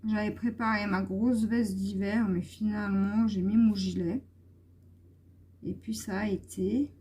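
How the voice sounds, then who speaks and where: A woman's voice: mid-range voice, fairly even intonation, unhurried, dark tone, breathy edge. A woman vlogger chatting casually and hesitantly while she colors, with many fillers. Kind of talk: casual coloring vlog chat.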